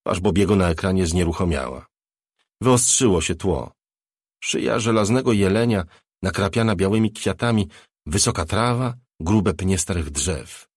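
A man narrating an audiobook in a measured, steady reading. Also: low-pitched, slightly rough, dry recording, clean studio sound.

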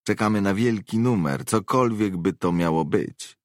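A man voicing a tough female mercenary who reports in a brisk, matter-of-fact way, in an audiobook. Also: lowish voice, dry recording, clean studio sound, pitched above the performer's own voice, natural voice. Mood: businesslike.

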